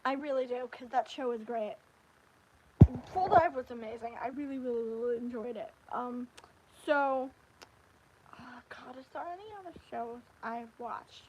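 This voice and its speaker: A woman hosting a casual livestream, chatting about anime in a rambling, animated way. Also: on the high side, moderate pace, a little hiss or hum, poor audio. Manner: rambling, animated, with frequent restarts and fillers. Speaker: livestream host. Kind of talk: casual anime review chat.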